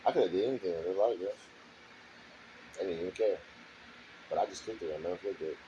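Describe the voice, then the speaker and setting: Speaking fast in a deep voice amid background noise, a man vlogs alone in a garage. His rambling monologue is defensive and repetitive, circling the same ideas and constantly checking in with "you know what I'm saying."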